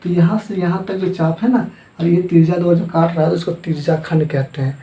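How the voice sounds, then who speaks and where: Teaching a math lesson at a board in an echoey room, a man speaks with a high-side, steady, brisk voice of dark tone. He poses questions, answers them himself, and repeats each term, with an accent from Hindi-speaking Jharkhand in eastern India.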